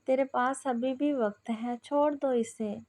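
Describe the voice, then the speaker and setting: A bitter, domineering middle-aged mother who scolds and schemes, voiced by a woman reading a story aloud, in a slightly high voice. Her tone is reproachful and sharp with blame. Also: fairly even intonation, lightly acted. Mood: scolding.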